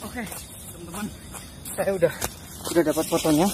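A man's voice: a little high, a little fast, noisy background. A man filming a ghost hunt outdoors at night, nervously muttering prayers and talking to an unseen spirit. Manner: jittery, repeats prayers under his breath, talks to unseen ghost. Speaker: ghost-hunting vlogger. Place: outdoors at night among trees.

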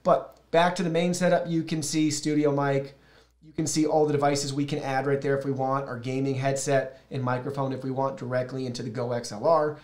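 Medium in pitch with little variation, a bit fast and somewhat dark in tone, a thirties-aged man hosts a casual, upbeat product rundown and software tutorial, speaking straight to his audience. The setup is a small indoor studio with a shotgun microphone through a mixer.

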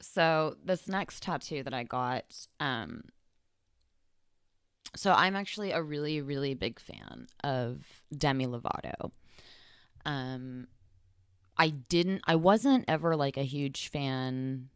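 A young woman with a very deep voice talks slowly through a solo podcast, wandering off and correcting herself as she goes. The sound is dry and close, with no room around her. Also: smooth, dry recording. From Texas. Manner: rambling, lots of fillers and self-corrections. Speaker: podcast host. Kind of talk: casual solo podcast monologue.

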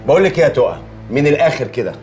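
An actor with an Egyptian accent playing a stressed husband who flares up and then apologizes. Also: male voice, medium pitch, sing-song, rapid-fire, a little mellow, faint music behind, lightly acted. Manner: defensive, flares up, then pleads.

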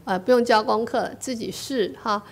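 Woman language teacher, fairly high voice with a gravelly fry, chatty and repetitive, drills phrases slowly. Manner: chatty, tacks a drawn-out "ha" onto phrases; repeats phrases slowly for the listener to echo. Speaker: English teacher. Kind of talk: bilingual classroom-style English lesson.

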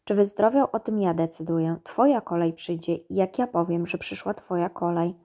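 A woman's voice: fairly low pitch, moderate pace, warm tone. A woman doing a brusque old gnome healer woman. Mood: scolding. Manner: scolding, brusque. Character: gruff bossy old female gnome healer.

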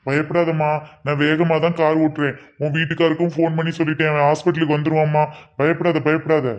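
A woman voicing a man driving a car, quickly soothing a frightened mother in a comic skit. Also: deep voice, level tone, lo-fi sound, pitched below the performer's own voice, close to an everyday voice. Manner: hurried, soothing. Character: reassuring male car driver.

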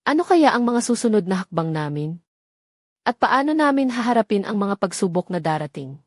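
A woman's voice: medium pitch, very animated, a little fast, dry recording, studio quality. Woman narrating an emotional story. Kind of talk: scripted dramatic story narration.

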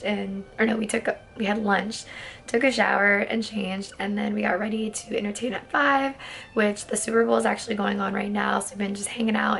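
Hoarse woman vlogging from a cruise. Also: medium pitch, fairly bright tone. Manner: chatty and rambling, with fillers and laughs. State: hoarse, losing her voice. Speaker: travel vlogger. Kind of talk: casual vlog chat. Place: cruise ship cabin and outdoors.

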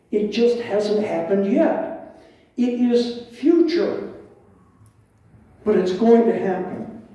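An older pastor with a high-pitched, warm voice preaches conversationally, asking his congregation questions and tossing in asides. He's in a large, dim church hall with a stage, and the recording sounds roomy and dull, captured from far off.

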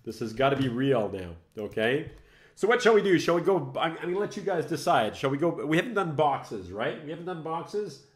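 A man's voice: on the high side, sing-song, a little fast. A middle-aged French Canadian man hosting a casual live tech show, chatty and self-mocking, laughing often as he works. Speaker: host. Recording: roomy, echoey room sound.

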